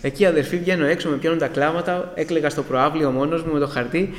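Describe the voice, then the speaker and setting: A man's voice: on the high side, fairly even intonation, slight background noise. Earnest man's testimony in an echoey hall. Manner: earnest, emotional storytelling that often addresses the listeners as brothers. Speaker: church member giving a testimony. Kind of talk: personal testimony to a congregation. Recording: echoey hall with long reverb.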